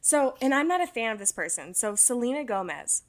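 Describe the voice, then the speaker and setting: A woman's voice: fairly high pitch, sing-song, fairly quick. A woman in her twenties co-hosting a podcast, telling frank stories in casual chat and laughing easily. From American South. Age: 20s. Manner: frank, chatty storyteller, swears and laughs easily. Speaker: podcast co-host.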